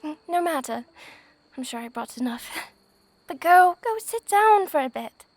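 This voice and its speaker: A woman playing a gentle, easily flustered young princess in a soft, polite, formal ASMR roleplay style. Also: extremely high pitch, big pitch swings, a little slow, faint music behind, exaggerated voice. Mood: warm, attentive.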